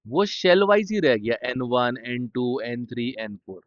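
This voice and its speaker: A man's voice: mid-range voice, sing-song, measured pace, no echo, highs cut off. A man teaching chemistry in an informal exam-revision lesson. He talks straight to students, repeats key terms and drops blunt, joking asides.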